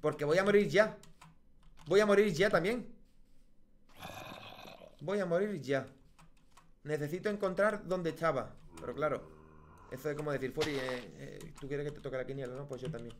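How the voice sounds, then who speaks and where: A man's voice: moderate pace, pauses often, slight background noise. A man from Spain giving casual Let's Play commentary, chatting to himself and his viewers and yelping when things go wrong. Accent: Spanish from Spain. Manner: chatty, talks to himself and viewers, bursts into high yelps at deaths. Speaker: gaming YouTuber.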